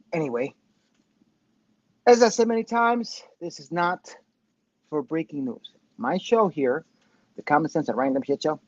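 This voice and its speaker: A man's voice: sits high, no echo. A man in his fifties hosting his own live-stream show from his phone, sounding tinny like he is in a tin can, rambling, mocking himself and swearing casually. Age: 50s. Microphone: phone with Bluetooth headphones.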